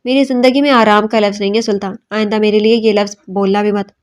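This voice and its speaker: A woman's voice: medium pitch, steady tone, close to an everyday voice. Woman reading as a cold criminal hero. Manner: cold, clipped.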